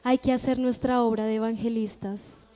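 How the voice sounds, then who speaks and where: A woman's voice: a little high, flat delivery, moderate pace, warm tone. A young woman with a Colombian Spanish accent, giving an earnest testimony in a church service. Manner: earnest, storytelling, emphatic. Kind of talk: testimony sermon. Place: church hall. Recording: long church-hall reverb.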